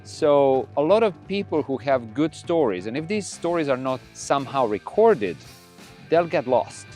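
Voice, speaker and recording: Give me a relaxed middle-aged man from Croatia, telling stories over faint music. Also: mid-range voice, normal speed. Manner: relaxed, rambling, with frequent restarts. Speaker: podcast host and record label owner. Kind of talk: casual monologue. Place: room full of records.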